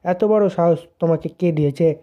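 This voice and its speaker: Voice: mid-range voice, a little fast, lo-fi sound, lightly acted. A narrator voicing an indignant young bride. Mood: furious. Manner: indignant, scolding. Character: angry possessive young bride.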